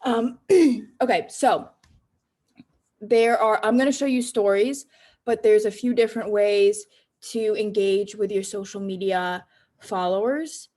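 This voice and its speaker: A woman's voice: mid-range voice, steady tone, unhurried, a little mellow. An American woman from Cape Cod presents an informal online training talk as a sales consultant, in a conversational way that checks in with her listeners. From Cape Cod, United States.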